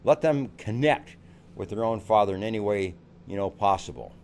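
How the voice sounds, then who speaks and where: A man's voice: on the low side, expressive, normal speed, a little mellow, a little hiss or hum. An older American man, a psychologist, giving earnest parenting advice and repeating phrases for emphasis. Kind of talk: advice talk to camera.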